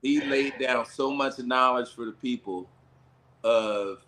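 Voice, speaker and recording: A man co-hosting a casual podcast, speaking in a reflective, deliberate way. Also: mid-range voice, a bit bright, poor audio. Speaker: co-host. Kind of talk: casual chat.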